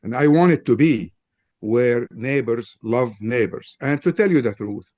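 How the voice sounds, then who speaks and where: Presenting at an interfaith panel, an older man from Lebanon opens with an earnest, frank statement built on personal storytelling. His mid-range, darkish voice has lively intonation and a measured pace, with no echo, and he carries a Lebanese accent from his native Arabic.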